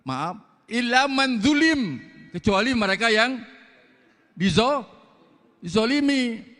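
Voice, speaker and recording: An older man with a Betawi accent preaching a blunt, loud mosque sermon in slangy street talk, firing rhetorical questions at the congregation. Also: very high-pitched, big pitch swings, takes it slowly. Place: large mosque hall. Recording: long mosque reverb.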